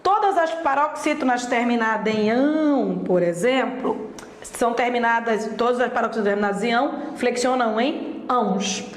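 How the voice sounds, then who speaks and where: A woman teaching a grammar lesson. She draws out each example word slowly and hurries through her asides about exams. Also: on the high side, echoey room. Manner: slow, deliberate, drawing out each example word; speeds up for asides and exam tips.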